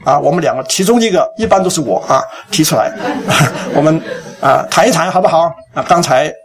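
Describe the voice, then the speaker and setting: A middle-aged man delivers a sermon, pitched high for a man and full of rises and falls. He tells a story the way a pastor does from the pulpit and acts out the quotes inside it. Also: animated, brisk.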